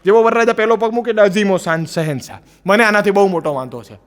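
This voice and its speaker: A man with a Gujarati accent doing animated stand-up storytelling, acting out the people in his jokes. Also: sits high, quick pace, big-room sound. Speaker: stand-up comedian.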